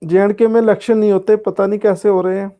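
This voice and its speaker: Mellow-voiced male teacher. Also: sits high, level tone, fast. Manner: casual, repeats "ठीक है" and "हाँ जी" often. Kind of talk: online polity lecture answering student chat.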